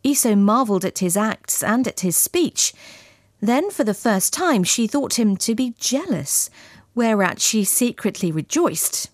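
A woman narrating an archaic folk tale in measured, storytelling tones into a close microphone. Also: on the high side, sing-song, dry recording. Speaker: audiobook narrator. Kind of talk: scripted narration.

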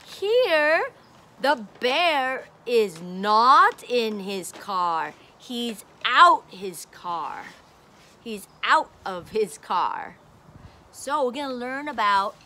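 Her voice on the high side, sing-song, bright and forceful, a woman teacher in her forties reads a picture book aloud to a child. It's a slow, simple, encouraging lesson on an outdoor patio near a brick wall. A phone camera at arm's length captures it.

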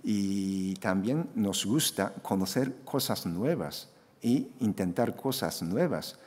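A man's voice: lowish voice, lively intonation, takes it slowly, darkish tone. A middle-aged Japanese man with a Japanese accent speaking Spanish as a second language, giving a hesitant conference talk full of fillers and restarts at a panel table microphone. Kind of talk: conference presentation. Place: conference hall. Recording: echoey conference hall.

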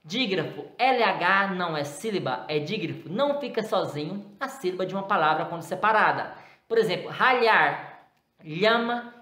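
A woman's voice: lowish voice, fairly bright tone, reverberant. A woman teaching a recorded grammar lesson for children, patiently explaining and asking the class questions.

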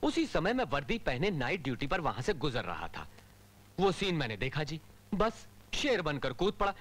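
An actor dubbing a cocky young police officer who talks in a wry, theatrical way. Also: male voice, high-pitched, bright, forceful tone, exaggerated voice. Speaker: hero in a dubbed film. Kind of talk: Hindi film dubbing.

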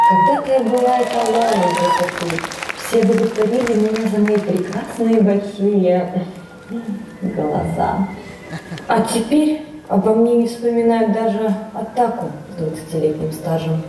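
Vain, complaining anime sorceress female actor, stage parody, mid pitch, heard from afar. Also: a little slow, dark tone, slight background noise, lightly acted. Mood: haughty, bitter. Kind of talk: theatrical anime parody skit. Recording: echoey hall, far off, music, crowd.

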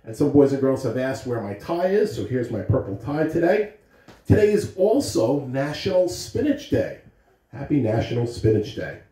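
An American man in his thirties, a school principal or staff announcer, gives morning announcements and reads a storybook aloud to children from a carpeted living room at home. His voice is mid-range, mellow, and sing-song at a moderate pace, captured by a distant phone camera in a roomy-sounding recording.

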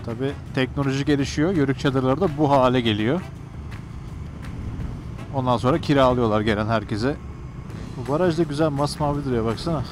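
A man's voice: medium pitch, a little fast, long pauses. Guy on a motorbike talking into his helmet mic, jokey and chatty, music under him. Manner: chatty, joking, talks straight to viewers. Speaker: motovlogger. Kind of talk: casual running commentary while riding. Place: outdoors on a motorcycle on country roads.

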